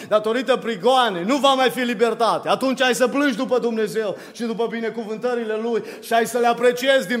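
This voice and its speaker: A man delivers a sermon from the pulpit, his voice sitting high for a man. He hammers his points through repetition and climbs to louder peaks. The church hall lets each phrase ring out in a long reverb. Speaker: preacher.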